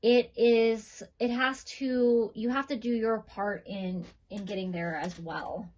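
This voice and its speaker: A woman giving a tarot reading in a gentle, reassuring way, pausing now and then with fillers. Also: fairly high pitch, fairly even intonation, very noisy. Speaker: tarot reader.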